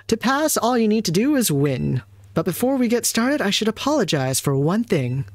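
A man's voice: sits high, big pitch swings, normal speed, dry recording, pitched above the performer's own voice. A man reading a formal female league champion's lines aloud, with only a faint hint of a put-on Spanish accent. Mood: formal, gracious. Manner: reads the text aloud in a formal tone, hinting at a weak Spanish accent.

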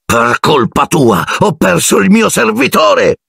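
A man voicing a cold, haughty aristocratic wizard in an audiobook, contemptuous and menacing, often low and quiet. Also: expressive, moderate pace, husky, no room sound, studio quality, exaggerated voice. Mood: angry. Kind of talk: audiobook character voice.

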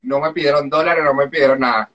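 A woman from Venezuela with a Venezuelan accent, telling her own story in casual chat, animated, laughing often and acting out the dialogue. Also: sits low, quick pace, dull audio, a little hiss or hum. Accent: Venezuelan Spanish.

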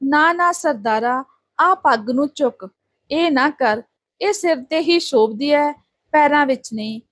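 A fair-minded village husband who reasons calmly and firmly. A woman reads him in her own high voice. The recording is close and dry. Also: a little slow, no echo. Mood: reasoning. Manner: reasoning, stern when needed.

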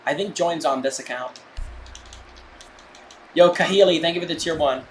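A man's voice: fairly high pitch, normal speed, a little hiss or hum. A young man commentating casually on a live game stream in slangy, bro-heavy frat-boy talk. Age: young adult. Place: indoor room, streaming setup. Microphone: headset mic. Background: shooter game sounds.

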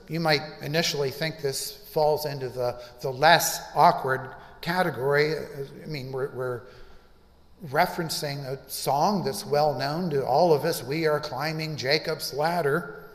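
An older man preaching a sermon from a pulpit, slow and measured with deliberate pauses. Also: fairly high pitch. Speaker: pastor. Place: church sanctuary, at a pulpit. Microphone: pulpit microphone. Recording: reverberant church hall.

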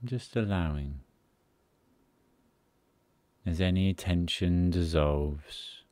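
A man guides listeners through relaxation in a dry recording, speaking at an extremely slow pace. His deep voice sounds dark and mellow, and his soothing, unhurried delivery breaks into short phrases separated by pauses.

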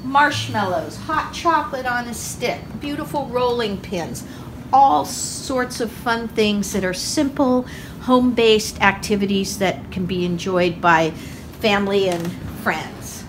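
A woman's voice: medium pitch, a little slow, noisy background. An older woman who owns a farm gift shop, walking through it and cheerfully describing what is on the shelves in a casual tour. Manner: upbeat, enthusiastic, listing items. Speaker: shop owner giving a tour. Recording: roomy shop with music behind.

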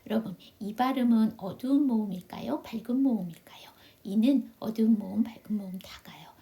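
A woman's voice: a little high, brisk, mellow. A woman English teacher giving an online phonics lesson, asking her students questions and answering them herself in a patient, step-by-step way. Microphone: video call.

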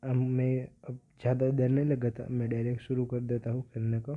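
A teenage boy of about 15 gives casual gameplay commentary for his gaming videos. His mid-range voice is completely flat and fairly quick, captured in dull, lo-fi audio that sounds like a phone.

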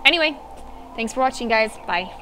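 Female gamer talking over her own play, cheeky, curses freely, sing-song teasing, higher voice, game sound loud underneath. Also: expressive, brisk. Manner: playful, swears a lot, sing-song bursts. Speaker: gameplay commentator. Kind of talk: casual game commentary. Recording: loud game noise behind.

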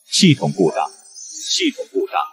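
A man's voice: on the high side, huge pitch swings, measured pace, a bit bright, soft background music, full character voice. A man voicing a malfunctioning AI system that glitches and breaks up as it announces an error. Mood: glitching.

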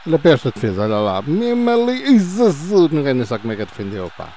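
A man in his fifties with a European Portuguese accent, doing playful football commentary over his own gameplay, yelling goal calls and cheering players on between calm score recaps. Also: on the high side, quick pace, a little hiss or hum. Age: 50s. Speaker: gaming channel host.

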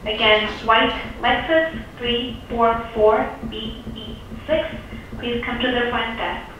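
Woman on a hotel PA, slow, measured lobby announcement, echoey and muffled from far off. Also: fairly high pitch, fairly even intonation, a little hiss or hum. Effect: lobby loudspeaker announcement. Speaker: hotel front desk announcer. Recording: echoey, distant, dull loudspeaker sound.

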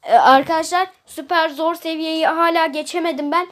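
A woman's voice: very high voice, steady tone, moderate pace, a bit bright. A woman chatting casually while playing a mobile puzzle game, complaining about hard levels and humming to herself. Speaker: gameplay streamer. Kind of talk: casual gameplay commentary.

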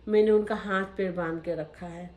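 A woman's voice: fairly low pitch, steady tone, moderate pace, mellow. A young woman narrating her own life story to viewers, speaking emotionally and acting out what happened. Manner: emotional, talks straight to viewers and re-enacts scenes. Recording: roomy echo.

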